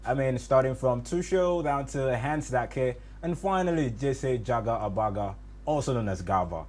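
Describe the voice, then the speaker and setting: A man's voice: mid-range voice, animated, normal speed, darkish tone. A man hosting a studio interview, interjecting often with short reactions. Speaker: TV show host.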